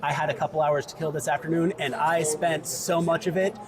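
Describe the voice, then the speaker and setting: A male interviewer talks in a chatty, friendly way, with plenty of fillers. His voice is a little high for a man. Loud crowd chatter from the convention floor fills the background. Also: steady tone, brisk. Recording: noisy convention crowd behind.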